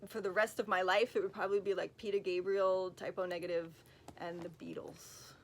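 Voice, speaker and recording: Fairly quick with a level, medium-pitched tone, the voice is that of a woman from Brooklyn, New York, accent intact. She answers fan questions from bed on her phone in a casual, rambling chat that's self-deprecating and stuffed with fillers and asides.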